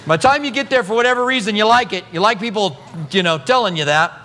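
A man's voice: high-pitched, fast talker, long reverb tail, slight background noise. A middle-aged man preaching a sermon as pastor, telling stories with humor. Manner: animated storytelling with humor.

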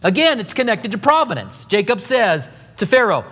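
A man's voice: high voice, normal speed, slightly rough, big-room sound. A middle-aged man preaching a sermon as pastor, telling stories with humor. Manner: animated storytelling with humor.

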